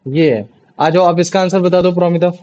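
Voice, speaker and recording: High-voiced young male tutor on a call. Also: a little fast, warm tone, a little hiss or hum. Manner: chatty, repeats checking questions. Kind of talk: online class teaching. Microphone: video call. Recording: dull lo-fi online call audio.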